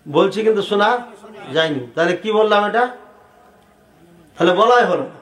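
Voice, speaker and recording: A man preaching to a crowd, animated and rhetorical, asking the audience questions directly. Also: high-pitched, moderate pace. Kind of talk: sermon debating prayer practice. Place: large hall with audience. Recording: echoey hall sound.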